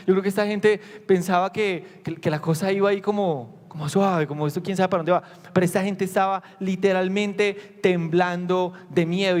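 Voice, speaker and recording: Man, pastor, sermon, animated storytelling, questions to the congregation, long church-hall reverb. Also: high voice. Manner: animated storytelling, acting out the disciples' lines.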